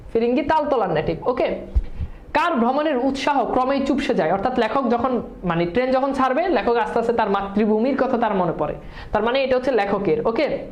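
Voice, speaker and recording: Her voice sits on the high side with a slightly mellow quality, heard in an echoey room. As a teacher running an exam-prep lesson, she tests students with rapid questions and answers while slipping English words into her talk.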